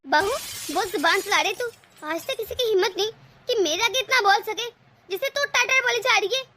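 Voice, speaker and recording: A woman's voice: very high-pitched, moderate pace, pushed and bright. A woman voicing a domineering, scheming middle-aged mother-in-law in a cartoon, scolding and sarcastic. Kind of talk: animated cartoon voice acting.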